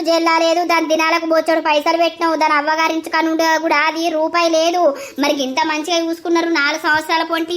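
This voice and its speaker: A woman's voice: very high-pitched, fairly bright tone. Woman voicing a scolding cartoon mother-in-law. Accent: Telangana Telugu. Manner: fast, scolding rant. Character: sharp-tongued mother-in-law, defiant and scolding.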